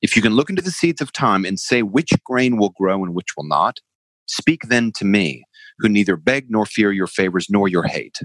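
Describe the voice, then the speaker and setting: A wary nobleman and soldier, read by a man podcaster, voiced low and measured. He reads declamatory Shakespeare verse in a dry, close recording with no room sound. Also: lively intonation, a bit bright, no echo, low-quality recording. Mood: questioning. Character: Banquo, a nobleman and soldier questioning the witches. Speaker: podcast co-host. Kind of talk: informal dramatic reading of Shakespeare.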